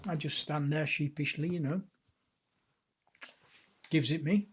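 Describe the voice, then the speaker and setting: An older man from Blackpool, a guest telling lively stories in an interview and acting out what others said. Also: a little high, measured pace, slightly rough. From Blackpool, England. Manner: lively storyteller who acts out what others said. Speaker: guest author. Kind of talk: anecdotal storytelling in an interview.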